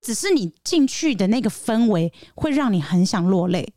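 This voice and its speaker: A young adult woman from Taiwan co-hosting a casual chat podcast, expressive and quick. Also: medium pitch, dry recording, studio quality. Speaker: podcast co-host.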